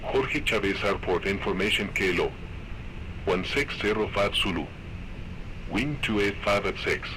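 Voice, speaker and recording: A man's synthetic voice reading an automated airport weather broadcast in a flat, clipped readout of wind, temperature and runway figures. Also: on the low side, measured pace, poor audio.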